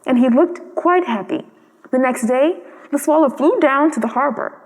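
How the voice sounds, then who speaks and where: A woman with a high, animated voice narrates a storybook at a normal pace, reading from a script as a storyteller. A long reverb trails through the recording.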